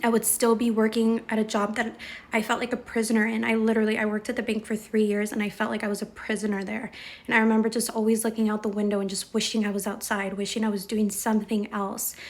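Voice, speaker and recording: Young woman talking to her phone, chatty and preachy, pretty monotone, lots of "like" and "right". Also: medium pitch, fast, poor audio. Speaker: vlogger. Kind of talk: casual vlog chat and Bible retelling.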